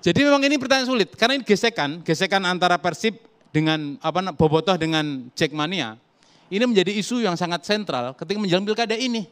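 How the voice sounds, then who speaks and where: Brief: male political pundit, rapid argumentative delivery. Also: sits high, clean tone. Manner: emphatic, lively argumentative. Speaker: political commentator guest. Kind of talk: talk show political debate.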